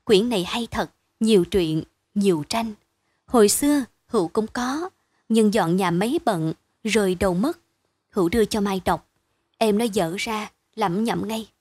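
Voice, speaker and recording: A woman reading a bedtime story aloud in a calm, measured way. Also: medium pitch, breathy edge, dry recording.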